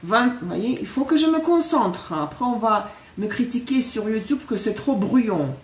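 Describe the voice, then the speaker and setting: Heard at a distance in an echoey space, a tarot reader from Russia talks at normal speed in an animated, fairly high voice. She speaks with a Russian accent, keeps the live reading casual, fixes her own slips, and jokes as she goes.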